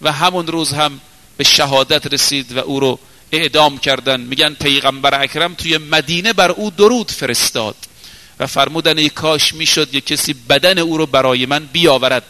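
A man preaching a sermon, telling a story dramatically and moving between raised exclamations and hushed, slowed passages. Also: fairly high pitch, long reverb tail.

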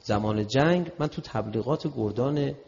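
An older man preaches to a gathered audience, dropping into low conversational asides and then rising to loud, emphatic declarations. His voice carries a long hall reverb, and the recording sounds dull and lo-fi. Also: creaky. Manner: conversational, with frequent asides to listeners. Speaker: religious speaker. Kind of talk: sermon-style lecture to an audience.

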